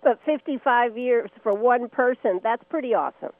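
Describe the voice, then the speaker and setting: A woman's voice: a little high, normal speed, dry recording. Friendly woman interviewer, thin narrow radio sound. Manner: friendly and admiring, with frequent restarts. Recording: phone-like narrow band.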